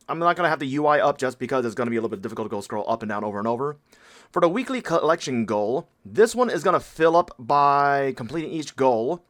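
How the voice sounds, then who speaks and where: Stuffed up and nasal from illness, a man with a medium-pitched, slightly bright voice walks through a game event for a guide he's making. He thinks out loud, rambles casually and keeps correcting himself.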